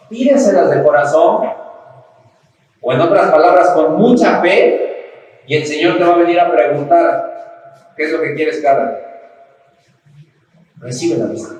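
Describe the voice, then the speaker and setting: A man from Mexico preaching a sermon as pastor, delivering it with impassioned emphasis. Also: high-pitched. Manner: impassioned preaching, rising to shouts in quoted cries. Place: church hall. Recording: echoey church hall, mic at a distance.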